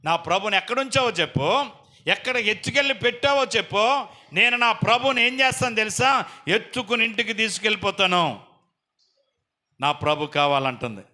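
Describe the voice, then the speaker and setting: A man's voice: sits high, lively intonation, moderate pace, pauses often, pushed and bright, heavily acted. A man speaking as a grieving woman who begs to know where her lord was taken, in a pleading, tearful way. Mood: determined.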